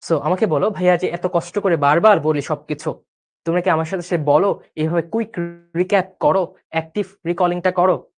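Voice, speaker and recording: Brisk young tutor quizzing students. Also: male voice, on the high side, fairly even intonation. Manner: brisk quizzing, checking in often with rhetorical questions; mixes English words into his speech. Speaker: biology tutor. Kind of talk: online recap lesson.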